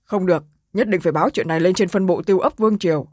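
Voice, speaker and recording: A man's voice: sits high, rapid-fire, dry recording. A man voicing a shaken middle-aged sect master in an audiobook, speaking in agitated exclamations over a dry, close sound. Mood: disbelieving. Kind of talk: audiobook character reading.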